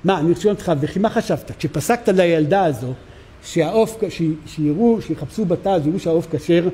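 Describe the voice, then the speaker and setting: A man voicing a loving wife who softly questions her husband, inside a sermon story. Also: a little high, breathy edge, pitched below the performer's own voice. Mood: tender reproach. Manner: soft, reproachful questioning. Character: rabbi's gentle, loving wife.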